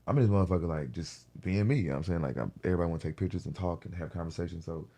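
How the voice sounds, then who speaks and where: A man's voice: low-pitched, rapid-fire, mellow. A young man hosting a podcast, telling a story in a casual, slangy way full of profanity. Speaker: podcast host.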